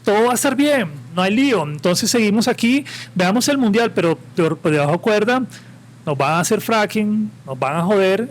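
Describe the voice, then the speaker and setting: A man with a Colombian Caribbean coast accent, talking as a guest on a live podcast in an impassioned, opinionated, rambling way. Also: high-pitched. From Colombia, Caribbean coast (Santa Marta). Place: live podcast event with audience.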